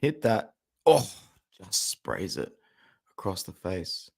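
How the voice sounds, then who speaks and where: A young man hosting a casual football fan stream, chatting and reacting aloud to match highlights, with loud outbursts and low muttered asides. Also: big pitch swings, slow pace, gravelly. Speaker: football fan channel host. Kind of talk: casual live-stream commentary.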